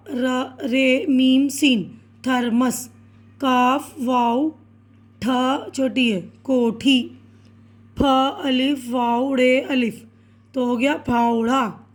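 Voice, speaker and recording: A woman with a high voice teaches slowly and patiently, spelling every word out letter by letter. She keeps checking in with short confirmations as she guides young pupils through a workbook page. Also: a little mellow. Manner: checks in with "theek hai" often. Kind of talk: step-by-step writing lesson.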